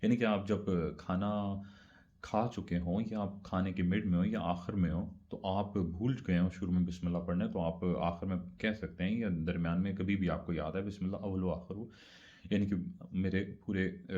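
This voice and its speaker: A man's voice: deep voice, steady tone, warm tone, highs cut off. A man giving a casual religious talk. He repeats his points and mixes English words into his speech. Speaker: speaker explaining religious practice.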